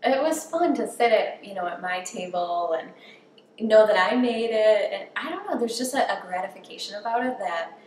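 Animated and at normal speed, a medium-pitched woman in her thirties chats about learning to cook, candid and self-mocking, in a casual interview while cooking. She's filmed in her home kitchen on a distant camera mic. There's a roomy sound and a faint hum in the background.

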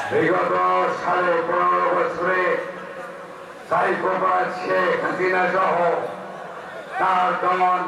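A man gives an emphatic political rally speech in short, separated phrases. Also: vocal fry. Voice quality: booming voice. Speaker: parliamentary candidate, political speaker. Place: large public rally, over a PA system. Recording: echoing loudspeakers, distant mic, noisy.

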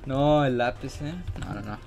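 A man's voice: mid-range voice, measured pace, a little mellow, soft background music. A young man, hosting a gaming video in casual, chatty commentary, swearing and laughing freely. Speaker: gaming YouTuber host.

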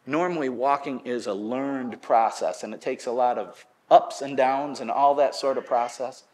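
A middle-aged man preaching a sermon in a church, telling a folksy story in a relaxed way and getting loud and lively as it peaks. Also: mid-range voice, normal speed, a little hiss or hum. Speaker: pastor. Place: church sanctuary.

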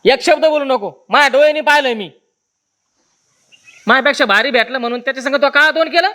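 A betrayed rustic husband. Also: male voice, extremely high pitch, quick pace, bright, forceful tone. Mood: angry. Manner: accusing, scornful.

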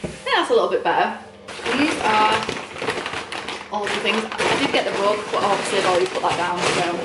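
A woman's voice: medium pitch, brisk, very noisy. Young woman, student nurse, tired, rambling chatty vlog delivery, filmed at home on a camera set down nearby; roomy echo. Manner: rambling, chatty, self-deprecating, lots of fillers. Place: home, indoors.

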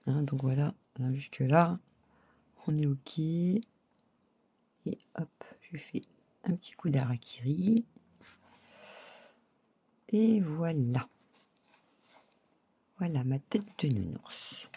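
Middle-aged woman, chatty craft-tutorial host, husky dark voice, talks straight to viewers. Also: low voice, expressive, takes it slowly, pauses often, no room sound. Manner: chatty, laughs often, addresses viewers directly. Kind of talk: casual craft tutorial talk.

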